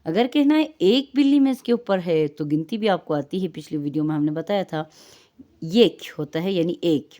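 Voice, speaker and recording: A woman teaching vocabulary, stretching out words slowly to model their pronunciation. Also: lowish voice, dark tone. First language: Urdu. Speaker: language teacher. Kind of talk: vocabulary lesson.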